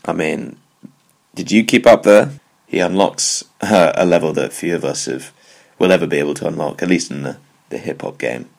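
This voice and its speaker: On his solo music commentary podcast, a British host speaks in a low-pitched, gravelly voice at a moderate pace. His commentary is wry and rambling, punctuated by jokey asides.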